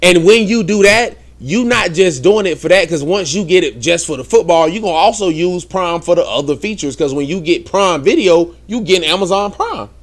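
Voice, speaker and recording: A man co-hosting a live talk show, laid-back and slangy, sometimes mumbling low. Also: lively intonation, moderate pace, few pauses. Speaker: podcast co-host. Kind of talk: casual live-show banter.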